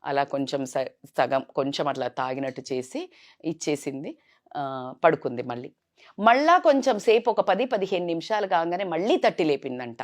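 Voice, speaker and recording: A woman vlogger earnestly telling a moral story to a listener, shifting between loud and hushed. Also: deep voice, animated, normal speed.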